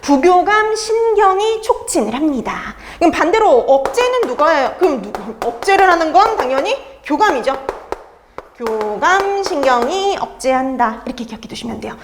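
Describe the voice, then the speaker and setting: A woman's voice: high voice, sing-song, moderate pace, slight background noise. A middle-aged woman giving an exam-prep lecture. She asks her students questions, answers them herself, and repeats the key terms.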